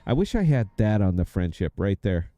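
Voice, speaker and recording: A man's voice: on the low side, big pitch swings, moderate pace, mellow, no echo. A man, chatting casually to viewers while he plays a game. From United States. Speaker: game streamer. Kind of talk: casual gameplay commentary.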